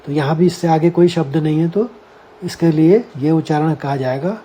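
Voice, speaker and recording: A man's voice: fairly high pitch, normal speed, mellow, husky. A man teaching a scripture lesson, explaining word meanings and carefully sounding out each Sanskrit syllable for his listeners. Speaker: Gita teacher.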